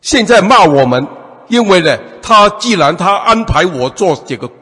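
A man preaches a sermon with a lot of repeated fillers and restarts. His voice is slightly husky and sits a little high for a man, swinging widely in pitch as he preaches. A long reverb trails behind him, as in a large hall. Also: very animated, normal speed, pushed and bright.

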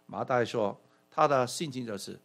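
A male preacher explaining scripture in a sermon, with an ordinary mid-range voice. He keeps checking with rhetorical questions and leans on drawn-out fillers, slipping in English words now and then. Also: medium pitch, a bit bright. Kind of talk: sermon, Bible exposition.

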